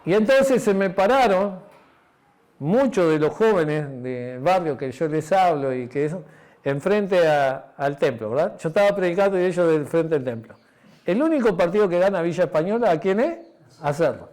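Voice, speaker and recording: A man's voice: on the high side, expressive, normal speed. A man preaching a sermon as pastor, with a Uruguayan Spanish accent, telling a personal story with acted-out dialogue and frequent tag questions. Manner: drops to a quiet, intimate tone near the end.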